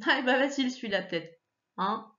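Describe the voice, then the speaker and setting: A woman teacher giving a child a reading lesson, patiently sounding out syllables and repeating words, her pitch jumping up when she stresses a point. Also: animated, a little fast, sharp tone, muffled recording. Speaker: primary school teacher.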